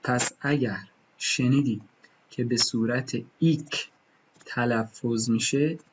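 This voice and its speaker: A man teaching German pronunciation, patiently repeating each example word slowly. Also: mid-range voice, dull audio, slight background noise. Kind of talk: pronunciation lesson.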